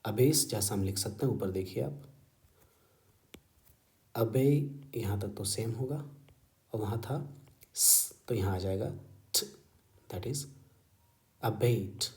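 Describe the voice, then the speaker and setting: A man gives a phonetics lesson in a low, dark, mellow voice. He speaks very slowly and patiently, breaking each word into its sounds one at a time. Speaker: English pronunciation teacher. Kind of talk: phonetics lesson, spelling words aloud.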